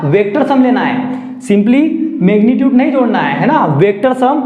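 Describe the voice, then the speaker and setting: Slow, echoey-voiced male teacher. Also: high voice, a little mellow. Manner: playful, asks students rhetorical questions. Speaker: physics teacher. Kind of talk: classroom lesson. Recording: echoey room.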